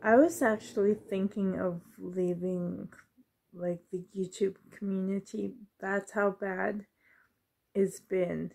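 A middle-aged woman chatting casually as a vlogger into a handheld phone at home, halting and often trailing off mid-thought. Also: mid-range voice, fairly even intonation, creaky, a little mellow. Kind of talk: casual, rambling vlog chat. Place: indoors in a living room at home. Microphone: handheld phone at arm's length.

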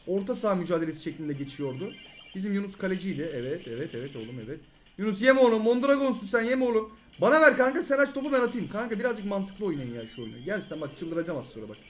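A young man hosting a gaming channel, giving excited live commentary, shouting at teammates and repeating words rapidly. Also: high voice, soft background music.

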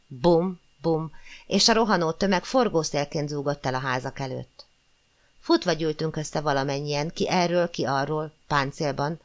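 A woman narrating a classic novel as an audiobook, in a measured, expressive storytelling manner. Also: low voice, dull audio. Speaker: audiobook reader.

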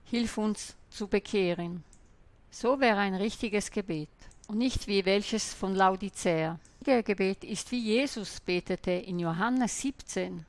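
A woman's voice: mid-range voice, takes it slowly, no echo. A woman voicing a sermon in translation, preaching in an emphatic, admonishing way.

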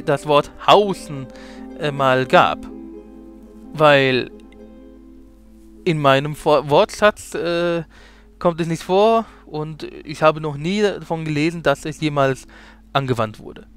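A man reading a story aloud in a slightly high voice, pausing for musing asides full of hesitation. Faint guitar music plays behind him. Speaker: storybook reader.

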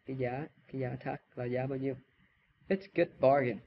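A man's voice: mid-range voice, fairly even intonation, normal speed, dull audio, a little hiss or hum. A man with a Vietnamese accent giving a casual language lesson, reading shopping phrases aloud, repeating them and explaining with restarts. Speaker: English teacher.

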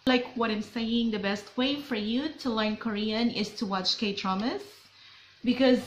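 With a Filipino accent, a young vlogger from the Philippines keeps things upbeat and playful in a casual video shot in a small bedroom. Her pitch is fairly high and her tone fairly bright. The low-quality recording has a roomy sound.

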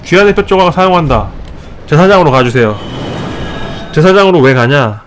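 A man's voice: a little high, brisk. Playful man giving mock game tutorials. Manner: excitable outbursts during fights. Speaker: gaming channel host. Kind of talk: let's play commentary.

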